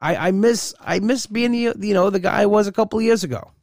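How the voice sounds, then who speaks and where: Speaking fast with a high, creaky, darkish voice, a middle-aged man rambles candidly through a casual personal monologue and keeps restarting sentences. The studio sound is clean, with no echo.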